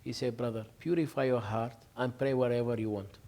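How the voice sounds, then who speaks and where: The sheikh's voice is medium-pitched and warm, his intonation fairly even and his pace brisk. In this informal religious lesson he chats, tells stories, jokes, laughs and acts out exchanges between characters.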